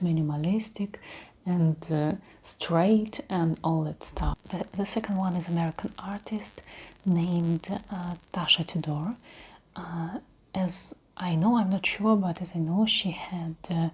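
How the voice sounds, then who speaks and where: A woman talks in a soft, breathy ASMR voice that often slips toward a whisper. Her tone is dark and mellow, a little low for a woman. She has a Russian accent and a gentle, hesitant, unhurried delivery. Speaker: ASMR creator. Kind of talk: soft-spoken ASMR talk.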